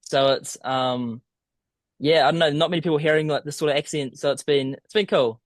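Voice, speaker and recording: A man's voice: on the high side, fairly even intonation, brisk, no echo. Young man with a broad Kiwi accent. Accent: broad southern New Zealand. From small town in southern New Zealand. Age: young adult. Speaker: podcast guest, student abroad. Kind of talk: casual interview.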